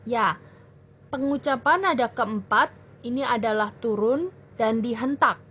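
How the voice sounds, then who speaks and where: A young woman tutoring children in a language lesson, explaining clearly and patiently. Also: fairly high pitch, fairly bright tone. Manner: slow, clear teacherly explaining. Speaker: Mandarin tutor.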